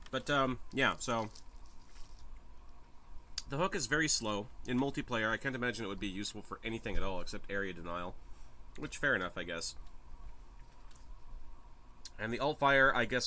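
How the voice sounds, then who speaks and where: Casting: man, thirty, bright edgy voice, casual wry streamer, faint hiss behind. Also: fairly low pitch, moderate pace, pauses often. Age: 30s. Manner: rambling, wry, swearing. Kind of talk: casual live-stream commentary.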